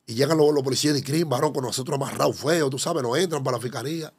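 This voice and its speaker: A man's voice: medium pitch, very fast, slightly rough, no room sound. A man with a Dominican accent fervently telling his personal testimony as a guest, often calling out to the host. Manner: fervent, keeps exclaiming about faith and addressing the host.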